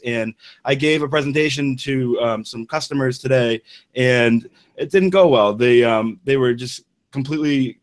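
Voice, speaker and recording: A man speaking as a guest engineer in an interview, enthusiastic and rambling with many restarts. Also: medium pitch. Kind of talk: casual interview talk.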